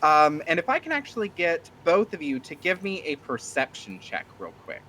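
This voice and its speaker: A man's voice: fairly high pitch, wildly swooping pitch, moderate pace, bright, forceful tone, slight background noise, low-quality recording. A man narrating a tabletop game as game master, rambling with many fillers. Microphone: streaming mic.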